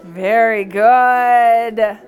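A woman's voice: fairly high pitch, fairly even intonation, drawn-out words, soft background music. A woman using a kindergarten teacher voice, leading young children in songs and action games with simple, repeated, encouraging instructions.

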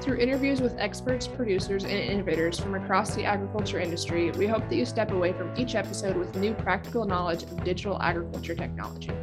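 A woman's voice: medium pitch, quick pace, hardly any pauses, loud music behind the voice. A woman co-hosting a farming podcast, introducing the episode and asking the guest friendly questions. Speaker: podcast co-host. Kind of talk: podcast interview.

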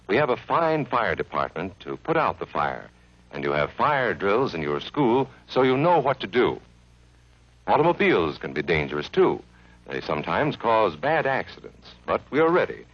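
An American man narrating a grave civil defense film from the 1950s in a measured, instructive way, as if addressing children. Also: low-pitched, no room sound. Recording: dull vintage film soundtrack.

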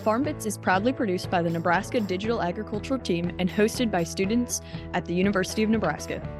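A woman's voice: mid-range voice, fast, over music. Upbeat young woman podcast host. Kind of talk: scripted intro then interview.

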